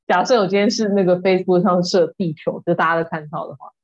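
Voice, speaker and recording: A woman's voice: lowish voice, moderate pace, highs cut off. A woman co-hosting a casual podcast chat who keeps asking follow-up questions. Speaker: podcast co-host.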